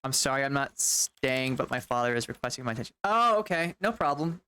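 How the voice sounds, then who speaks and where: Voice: medium pitch, lively intonation, a little fast, sharp tone, clear, resonant tone. A game streamer chatting casually with viewers while playing, chatty and exasperated, swearing now and then. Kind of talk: casual live-stream chat.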